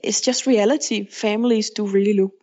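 In lo-fi audio, a guest author from Denmark gives plainspoken, candid answers in a remote podcast interview, speaking English as a second language with a Danish accent. Her mid-range voice is darkish in tone, fairly even in intonation and a little fast.

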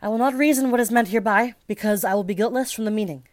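A woman's voice: a little high, quick pace, no echo, close to an everyday voice. Woman playing a respectful prison keeper, uneasy, classical verse, dry close sound. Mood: dutiful.

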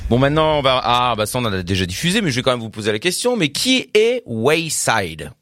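A man's voice: medium pitch, big pitch swings, rapid-fire, fairly bright tone, dry recording. A man presenting new rock songs on the radio in a casual, rambling way, with many fillers and little laughs. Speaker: radio music show host.

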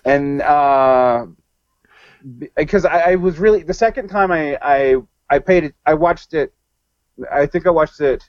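A man talking as a podcast guest in loose, casual conversation, often restarting and correcting himself mid-thought. His voice sits a little high for a man. The audio is dull and lo-fi with a dead-dry sound. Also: measured pace, dry recording. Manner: rambling, with many restarts and self-corrections. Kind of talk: casual film discussion.

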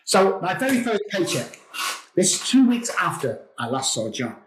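A middle-aged man, a podcast guest, telling a story in an excitable way, swearing casually. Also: high-pitched, normal speed, background noise. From England. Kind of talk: animated storytelling. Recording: roomy echo.

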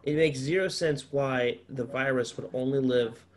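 A man's voice: medium pitch, steady tone, moderate pace. A man in casual chat who agrees emphatically and laughs easily.

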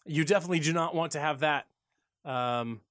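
Man, radio co-host, casual studio chat, high-pitched, laughs easily. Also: brisk, a bit bright.

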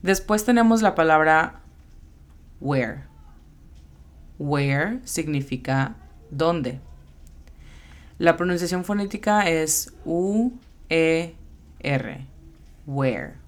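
A woman with a low voice teaches English on a bilingual lesson podcast. She explains each word and spells out its pronunciation slowly and carefully, like a patient teacher. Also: animated.

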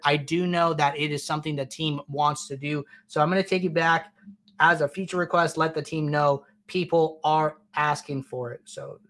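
A man's voice: on the high side, fairly bright tone. A man hosting a live-stream Q&A, answering viewer questions in a loose, chatty way with plenty of fillers and restarts. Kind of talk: casual live-stream Q&A explanation.

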